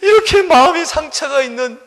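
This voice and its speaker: A man's voice: extremely high pitch, brisk, in a large hall. A male pastor preaching a sermon in a church sanctuary, telling stories vividly and acting out the voices in them. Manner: animated storytelling, acting out quotes.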